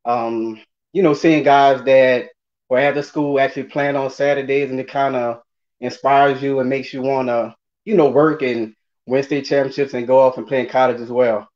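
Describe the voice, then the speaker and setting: Joining an interview by video call from indoors, a former college running back from New Orleans, Louisiana, speaks in a casual, hesitant way. He's in his forties with a New Orleans accent and a mid-range, slightly mellow voice of fairly even intonation at a moderate pace. The call audio sounds dull and lo-fi.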